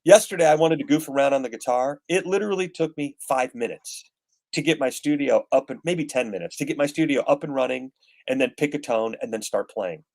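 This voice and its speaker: A man's voice: medium pitch, a little fast, gravelly, a little mellow. A man in his fifties chatting casually as a guest guitarist, rambling with gear-nerd enthusiasm. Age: 50s. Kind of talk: casual chat.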